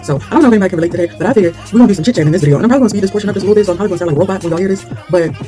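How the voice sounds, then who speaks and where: A woman's voice: mid-range voice, racing, mellow, faint music behind. A woman chatting candidly while she does her own hair, rambling and losing her train of thought. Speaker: hair vlogger. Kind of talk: casual chat while styling hair.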